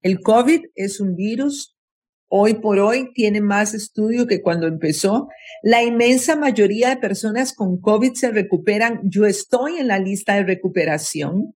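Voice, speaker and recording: A woman giving advice on mental health in an interview, speaking slowly and emphatically and acting out complaining voices. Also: medium pitch, lively intonation, a little mellow, slightly rough. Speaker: guest psychologist.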